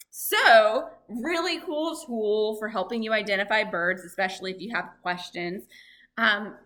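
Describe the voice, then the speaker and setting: Bright, chatty woman teaching about birds. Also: mid-range voice. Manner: lively, chatty, exclaims and asks the audience questions. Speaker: library program presenter on birds. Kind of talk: live interactive lesson for families.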